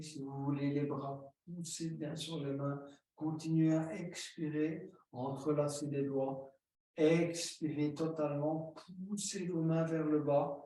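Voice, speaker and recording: A man leading a yoga class, giving slow, calm breathing and posture cues step by step. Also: a little high. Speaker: yoga teacher. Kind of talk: guided yoga instruction. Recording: very echoey room, distant mic.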